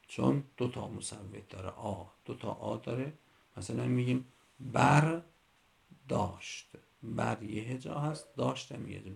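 A man's voice: mid-range voice, gravelly, darkish tone, breathy edge. A man teaching a grammar lecture, explaining step by step with examples.

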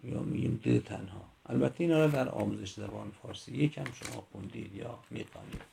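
A man's voice: medium pitch, vocal fry, warm tone, a little hiss or hum. A man teaching a grammar lecture, explaining step by step with examples.

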